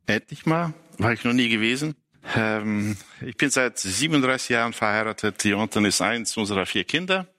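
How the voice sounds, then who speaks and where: A man in his sixties speaks in a bright, forceful voice, pitched a little low. He introduces himself haltingly, with frequent filler sounds. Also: animated, no room sound, clean studio sound. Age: 60s. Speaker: panel guest, pastoral counselor. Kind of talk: casual panel talk.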